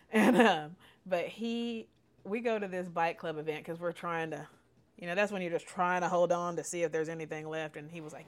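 Candid, laughing woman podcast host. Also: fairly low pitch. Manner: candid storytelling, laughs often, swears casually. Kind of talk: casual chat.

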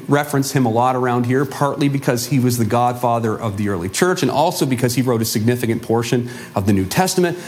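A man preaching a sermon as a pastor, telling a Bible story in an animated way and acting out the voices of the people in it. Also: medium pitch. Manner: animated, acts out quoted voices.

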